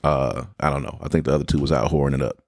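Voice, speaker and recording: A man co-hosting a podcast in casual chat, animated and blunt with his opinions. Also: rumbling low, racing, vocal fry, no echo, studio quality. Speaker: podcast co-host.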